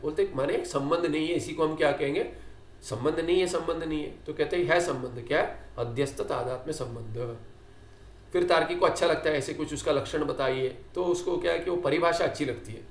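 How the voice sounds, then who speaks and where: A man teaching a scripture class, explaining with questions and little acted dialogues, and reciting Sanskrit lines slowly. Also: on the high side, roomy sound. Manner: quotes Sanskrit text slowly. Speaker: Vedanta teacher.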